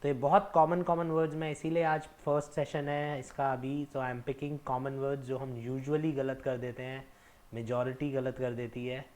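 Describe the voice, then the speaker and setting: A young man teaching English pronunciation, stressing each word slowly and setting wrong forms against right ones. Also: mid-range voice, little pitch movement, darkish tone. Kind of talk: explanatory lesson mixing Hindi and English.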